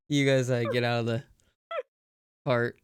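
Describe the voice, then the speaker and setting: A man acts as game master for a tabletop session, talking casually with fillers and laughing with the players. His voice sits at an ordinary middle pitch, and the recording is close and dry. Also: clear, resonant tone, no room sound.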